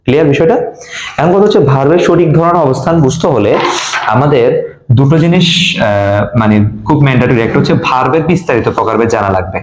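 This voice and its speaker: A man's voice: medium pitch, a little mellow. A man with a Bangladeshi Bengali accent teaching an English grammar class, quizzing students and repeating the key words. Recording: echoey classroom.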